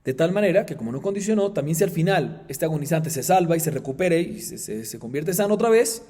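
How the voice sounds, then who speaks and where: A Colombian rabbi teaches a Talmud class, explaining the text animatedly with emphatic high notes and chanting the Aramaic passages. He speaks fast.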